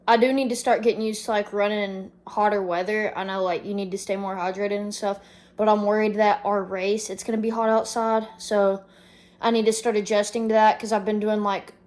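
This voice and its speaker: A woman's voice: mid-range voice, darkish tone. A young adult woman chatting casually and informally as a fitness vlogger, rambling a little. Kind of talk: casual vlog chat.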